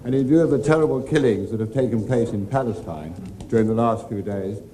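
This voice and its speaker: A man's voice: mid-range voice, a little fast, warm tone, rough recording. A man putting a formal question as a member of parliament. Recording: faint background noise in chamber.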